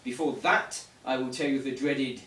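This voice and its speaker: In an echoey room, a ghost tour guide briefs the group at the start of a vigil, using a wry, understated humor and a mildly mock-formal delivery. His mid-range voice is a bit bright, steady in tone and moderately paced. A camera mic at a distance picks him up along with faint noise.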